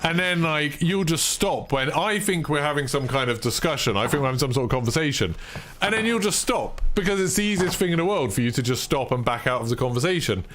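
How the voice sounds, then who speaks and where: A man's voice: fairly high pitch, lively intonation, fast, noisy background. A British man chatting casually with his stream audience, full of "like" and self-deprecating asides. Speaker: streamer reading chat. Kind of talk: casual live-stream chat.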